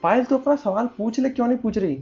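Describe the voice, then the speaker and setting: A man's voice: very high voice, fast talker. A man hosting a ghost-ritual vlog, talking in an agitated rush, swearing oaths and hurrying the others along. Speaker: vlog host. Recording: muffled audio under loud music.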